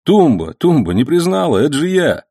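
A man's voice: mid-range voice, lively intonation, fast, darkish tone, no echo, studio quality, pitched above the performer's own voice, natural voice. A man voicing an easygoing, friendly young village man who talks in a casual, familiar way.

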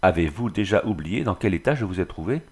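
A man's voice: low voice, expressive, fast, slightly rough, exaggerated voice. A man reading the part of a proud, defiant young wife in an audiobook, firm and disdainful.

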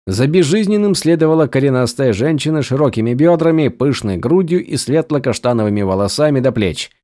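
Brief: male audiobook narrator, expressive fantasy reading, dry close mic. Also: mid-range voice, brisk, no echo.

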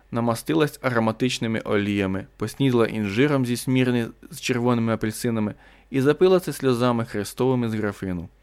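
Steady male audiobook narrator. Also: mid-range voice.

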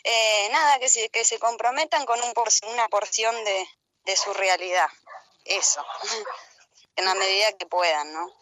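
A woman's voice: mid-range voice, unhurried, fairly bright tone. A woman guest from a community garden project, speaking earnestly on a radio interview and searching for words with fillers. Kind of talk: radio interview over a call.

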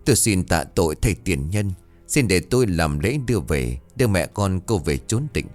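Remorseful old landlord, choked and pleading, deep voice, read by a male narrator. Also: big pitch swings, moderate pace, a little mellow, faint music behind.

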